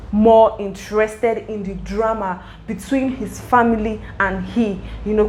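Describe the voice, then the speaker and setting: A woman's voice: medium pitch, darkish tone, a little hiss or hum, poor audio. Chatty woman recapping an episode. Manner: chatty, emotional asides to the characters. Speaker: web series reviewer. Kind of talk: casual episode recap and reaction.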